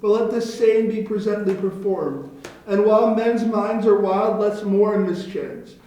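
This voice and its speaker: A man's voice: sits high, fairly even intonation, a little slow, warm tone. A man voicing a grave, loyal nobleman mourning his prince in an amateur read-through of a Shakespeare play. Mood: solemn. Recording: very echoey room.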